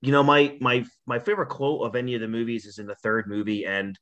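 A man's voice: medium pitch, flat delivery, fast, fairly bright tone, lo-fi sound. A man talking casually and with sentimental enthusiasm about a favorite film series.

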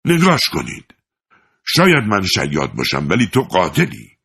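A man doing a blustering fake high priest. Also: very animated, gravelly, husky, full character voice. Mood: furious. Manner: blustering, shouting. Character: pompous fraudulent male high priest, quick to rage.

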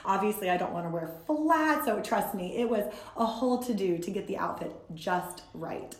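A woman guest in a conversation, telling a story in an animated, self-mocking way and laughing often. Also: medium pitch, moderate pace, roomy sound. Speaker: guest speaker from a women's ministry.

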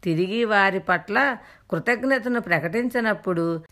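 A woman's voice: mid-range voice, unhurried, fairly bright tone. A woman giving an earnest, explanatory devotional discourse, retelling a scripture story with quoted dialogue. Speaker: spiritual storyteller.

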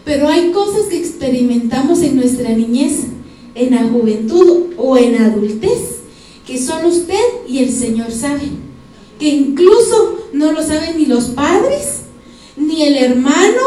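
High-voiced Guatemalan woman preaching in an echoey church. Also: mellow. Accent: Guatemalan Spanish. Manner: addresses the congregation directly, asks them for examples. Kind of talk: sermon. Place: church sanctuary. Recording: echoey church hall from far off.

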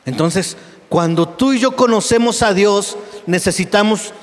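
A male pastor preaching a lively, humorous sermon, often asking the congregation questions. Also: high voice, measured pace, in a large hall. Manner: lively and humorous, with frequent call-and-response questions.

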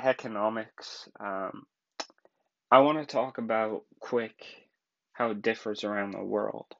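Young Irish man, low, lo-fi podcast. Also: fairly bright tone. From Ireland. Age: 20s. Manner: rambling, casual, laughs often. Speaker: podcast host. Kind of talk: solo podcast monologue.

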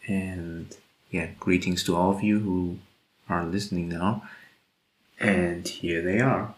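A man's voice: low-pitched, steady tone, takes it slowly. A man hosting a podcast, greeting listeners in a friendly way and introducing guests. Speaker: podcast host.

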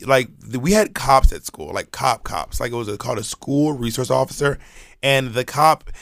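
A man from Georgia in the US co-hosts a podcast, chatting casually in a mid-range, slightly bright voice. He tells loose, rambling stories full of slang and frequent restarts. The studio recording is clean with no echo.

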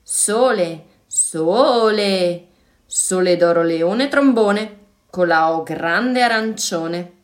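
A woman reading aloud puts on the proud, jolly sun of a children's storybook, speaking in a big booming voice. He chants his own name in a grand, sing-song way. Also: drawn-out words.

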